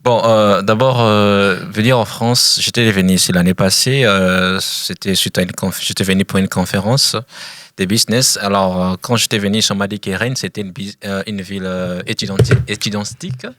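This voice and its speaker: A young man from Congo, a master's student guest, answering interview questions hesitantly with many pauses. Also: on the low side, fairly even intonation, fairly bright tone, no room sound, clean studio sound. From Congo, living in South Africa.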